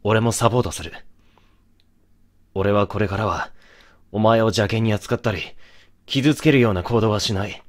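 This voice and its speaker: A man's voice: on the low side, natural voice. A man voicing a young boyfriend in an ASMR situation drama, remorseful, brusque yet tender and protective, talking bluntly and intimately as in pillow talk.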